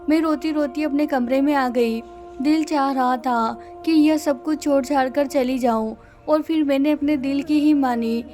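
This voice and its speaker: A woman reading a scripted first-person story in a steady, measured way. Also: sits high.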